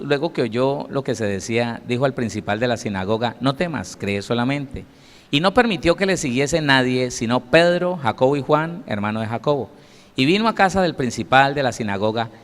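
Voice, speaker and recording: A man preaching a sermon as pastor, emphatic and lively, acting out scenes. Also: mid-range voice. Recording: long reverb of a large hall.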